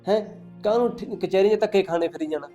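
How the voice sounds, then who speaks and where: A man's voice: sits high, dark tone, lightly acted. A young man playing a bossy elder brother who argues insistently and flares with anger, with faint music behind. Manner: insistent, argumentative, quick to anger. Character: bossy, hot-tempered village elder brother.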